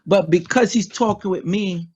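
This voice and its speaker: A guest from the United States with a Trinidadian accent talks bluntly and casually in an interview, swearing freely. His voice is high and husky, at normal speed.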